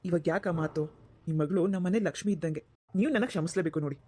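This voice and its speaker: A woman's voice: lowish voice, fast talker, background noise, natural voice. A woman voicing a kind, respectful young son-in-law in a cartoon, talking earnestly and reassuringly.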